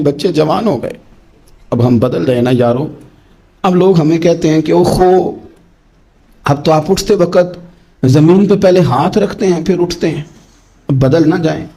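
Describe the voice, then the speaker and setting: A middle-aged male preacher giving a sermon in pleading, repetitive refrains, his voice climbing high in rhetorical runs and dropping low and soft. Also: husky. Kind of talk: Urdu sermon.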